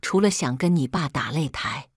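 A woman voicing a proud, wealthy middle-aged mother who scolds her daughters with sharp mockery. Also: deep voice, lively intonation, normal speed, breathy edge, no echo, clean studio sound, voice pushed down. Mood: scolding.

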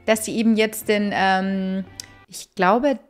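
A young woman giving bubbly, gushing let's play commentary, dropping to quiet asides. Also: medium pitch, fairly even intonation, takes it slowly, smooth, faint music behind. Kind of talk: casual game commentary.

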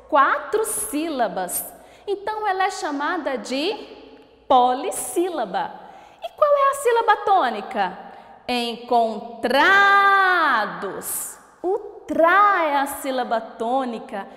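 A Brazilian woman teaching young pupils, her high voice rising and falling a lot as she asks questions and praises answers. She talks slowly, drawing out each syllable of a word. The recording sits in a room with a long, roomy reverb. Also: a bit bright. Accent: Brazilian Portuguese. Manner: slow, drawn-out syllable-by-syllable word pronunciation. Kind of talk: recorded school lesson for children.

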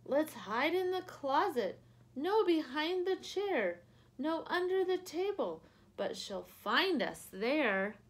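A woman's voice: sits high, big pitch swings, slow, pitched above the performer's own voice, full character voice. A woman reading aloud and voicing a group of mischievous little monkeys in a picture book. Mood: excited.

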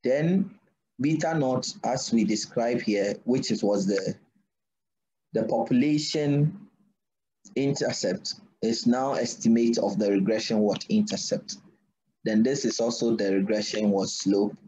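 A man lecturing a class at a deliberate pace, often pausing to ask "what?" so students can fill in the word. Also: medium pitch, mellow. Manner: asks students to finish his sentences with "what?"; slow deliberate delivery. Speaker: university lecturer. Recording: dull lo-fi recording.

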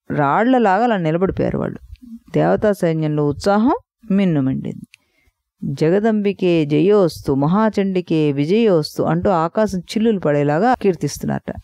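A woman's voice: fairly low pitch, creaky, mellow, dry recording. A woman narrating a mythology audiobook, explaining old words in plain speech as she goes. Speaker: storyteller.

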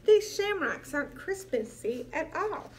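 A woman's voice: high-pitched, very animated, a little slow, a little hiss or hum, pitched above the performer's own voice. A woman reading as old Santa Claus. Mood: fretting. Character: jolly old Santa Claus, fussy and cheerful.

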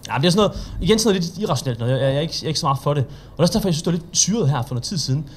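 Young danish guy doing stand-up, kinda high voice, chatty, pokes fun at himself, faint bar noise behind. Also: expressive. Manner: chatty, self-mocking storytelling with quoted voices. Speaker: stand-up comedian. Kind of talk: stand-up comedy set. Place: open mic at a bar.

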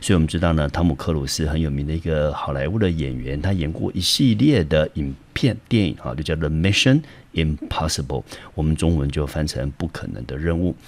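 A very deep-voiced man with a Taiwanese Mandarin accent talks through an English vocabulary lesson. He goes step by step with patient explanations and plenty of fillers. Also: fairly quick, few pauses. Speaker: English teacher.

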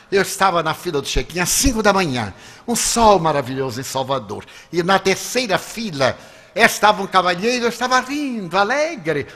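A man with a Brazilian Portuguese accent giving a public spiritist lecture, telling stories in a playful, animated way. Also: high-pitched. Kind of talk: public lecture with humorous anecdotes. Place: lecture hall. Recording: long reverb of a lecture hall.

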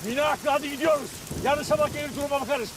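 An actor playing a gruff, practical man who takes charge in a TV drama, brusque and decisive. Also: very high voice, fairly even intonation, fast, very noisy. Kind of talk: TV drama acting.

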